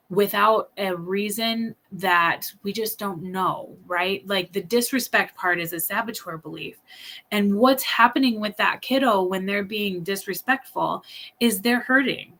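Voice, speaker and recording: A woman's voice: medium pitch, a bit bright. A woman in her thirties talking casually as a parenting coach, earnest and thinking aloud, with many fillers, restarts and a repeated "right?". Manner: keeps asking "right?". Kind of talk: casual teaching talk.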